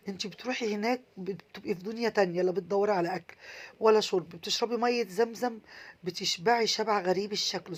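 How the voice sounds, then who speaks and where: A woman with an Egyptian Arabic accent giving casual, earnest travel advice, animated and repeating herself for emphasis. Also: medium pitch.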